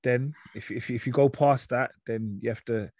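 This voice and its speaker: A man's voice: medium pitch, steady tone, moderate pace, a little mellow, no room sound. A man with an urban London roadman accent, hosting a podcast in casual, slangy chat. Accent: London, urban street. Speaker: podcast host.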